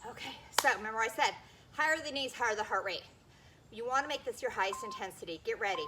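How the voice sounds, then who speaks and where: A woman leading a workout while exercising along, somewhat breathless, giving short form cues and steady encouragement. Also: on the high side, fast talker, background noise. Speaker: fitness instructor leading a workout. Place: indoors on carpet.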